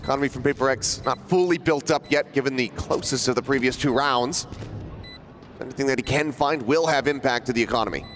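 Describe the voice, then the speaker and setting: A man working as an esports caster, giving dramatic, flowing, excited play-by-play commentary on a live match. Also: mid-range voice, a little fast, a little hiss or hum.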